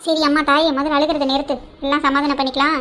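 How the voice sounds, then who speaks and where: A woman voicing a bossy elder sister-in-law in a cartoon drama, brisk and teasing, with a scheming side. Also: high voice, level tone, fairly bright tone, a little hiss or hum.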